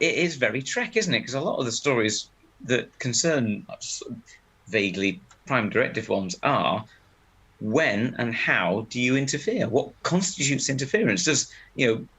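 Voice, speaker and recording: A man's voice: medium pitch, a bit bright, breathy edge, rough recording. A man, a tabletop game player musing thoughtfully in casual chat and restarting his thoughts.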